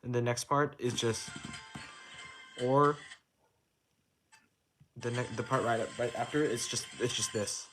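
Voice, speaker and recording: A man's voice: mid-range voice, fairly even intonation, slow, pauses often, fairly bright tone. Laid-back young man swearing casually. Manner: counts out note timings aloud. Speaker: rhythm game player explaining a chart. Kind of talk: casual tutorial commentary. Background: rhythm game music.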